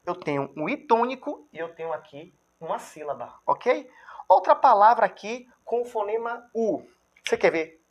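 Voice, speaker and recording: A high-pitched male voice comes through lo-fi sound, carrying a Brazilian Portuguese accent. In a lively grammar lesson, he keeps checking that the viewer is following. He breaks example words down slowly into syllables.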